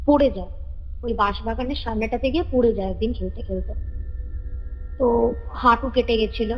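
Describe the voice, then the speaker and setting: Speaking fairly quickly in a high-leaning voice, a female caller relaxedly recounts a ghost story from her family, returning to phrases she's already said. Background music plays behind the reverberant call audio.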